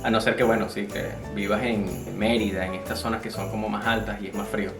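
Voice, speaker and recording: A Venezuelan man with a Venezuelan Spanish accent, chatting casually as a vlogger in a relaxed, rambling way. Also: on the low side, fairly quick, reverberant, music in the background. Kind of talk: casual chat.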